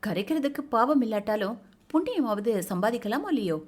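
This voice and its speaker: A woman's voice: on the high side, animated, a little fast. A woman voicing a young married woman who speaks curtly and impatiently. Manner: curt, impatient.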